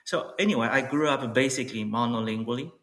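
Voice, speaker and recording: A man in his forties from Taiwan, a native Mandarin speaker, chatting as a podcast guest in a relaxed way with many fillers. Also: mid-range voice, fast talker. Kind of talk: casual interview chat. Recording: echoey room.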